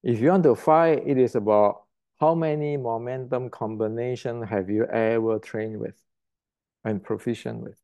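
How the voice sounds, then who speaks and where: A man's voice: mid-range voice, normal speed, darkish tone, smooth. An older man from Indonesia, giving a blunt, emphatic martial arts lecture to the camera and repeating words as he searches for them.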